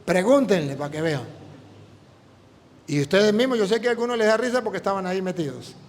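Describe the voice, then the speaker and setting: High-voiced priest telling a story. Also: male voice, fairly quick, slight background noise. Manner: lively storytelling, acting out dialogue. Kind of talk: storytelling sermon. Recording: long hall reverb.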